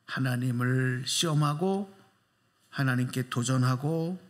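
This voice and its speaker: A man preaching a sermon as pastor in a church, emphatic, pressing the congregation with rhetorical questions and swinging his pitch widely for emphasis. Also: fairly bright tone.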